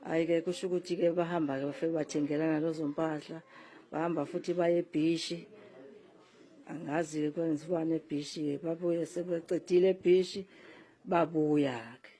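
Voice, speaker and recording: Older South African woman, low mellow voice. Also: steady tone, normal speed. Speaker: bereaved relative giving an account. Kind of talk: spoken eyewitness-style account.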